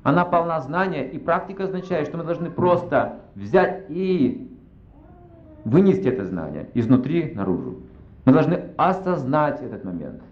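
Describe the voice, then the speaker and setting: A man's voice: on the high side, sing-song, moderate pace. A man giving a religious lecture, reasoning aloud and asking himself rhetorical questions. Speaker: spiritual lecturer. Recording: roomy, slightly dull recording.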